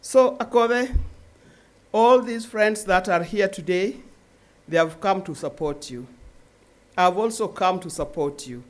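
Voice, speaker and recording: An older woman, a grandmother, giving an earnest speech at a charity event and urging parents to care for their children. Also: fairly low pitch. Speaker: guest speaker.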